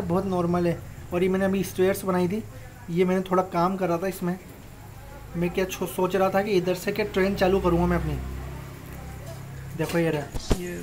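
A man's voice: sits high, slight background noise. A young man casually narrating his own gameplay as host of a gaming channel, talking informally and directly to his viewers like friends. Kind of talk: casual Minecraft tutorial voice-over.

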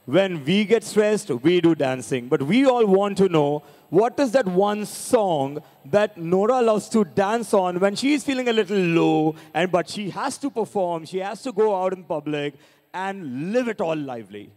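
A man's voice: high-pitched, animated, measured pace, darkish tone. A man hosting a live dance event, calling out to the crowd and asking questions. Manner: hypes the crowd, calls for cheers. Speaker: event emcee. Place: indoor dance event venue.

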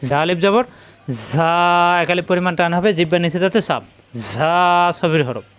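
A man with a Bangladeshi Bengali accent teaches Quran letter pronunciation, spelling out each letter and repeating it while speaking directly to his students. His voice is fairly high and animated, at a moderate pace with a clean tone.

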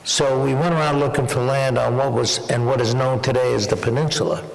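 A man's voice: medium pitch, steady tone, fairly quick, vocal fry. A man answering questions as the honored guest at an onstage dinner interview, wry and joking. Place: large banquet hall. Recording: echoey banquet hall.

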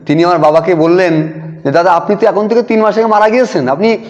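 A devotee shares a personal testimony as an animated story, quoting conversations and repeating lines for emphasis. His voice is high-pitched and he speaks fast. The audio is dull and sits in a hall with long reverb.

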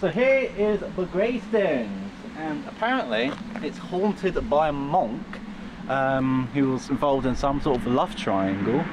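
A vlog host walks outdoors along village roads, keeping the tone casual, dry and tongue-in-cheek. His voice is on the high side, very animated and slow. Street noise and passing vehicles can be heard.

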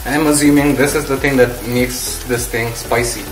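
A man's voice: mid-range voice, fairly even intonation, moderate pace, roomy sound, faint music behind, low-quality recording. A young man from India chatting casually in a vlog, switching between English and Hindi, recorded in a small home room and kitchen. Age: young adult. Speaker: vlogger.

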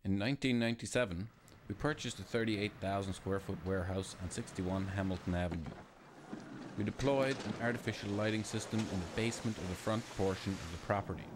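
A man reading a scripted, formal narration in a measured way. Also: fairly low pitch, background noise.

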